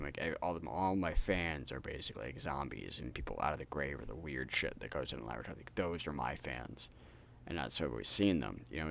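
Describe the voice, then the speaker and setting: A tired male gaming host with an extremely low voice and a gravelly crackle of vocal fry. He rambles on casually to his viewers, swearing freely as he signs off. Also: a bit bright. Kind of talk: rambling outro chat to viewers.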